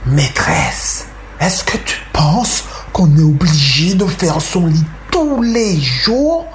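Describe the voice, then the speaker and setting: Woman playing a slow-talking curious little schoolboy. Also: on the low side, big pitch swings, slight background noise. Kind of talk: scripted educational radio dialogue.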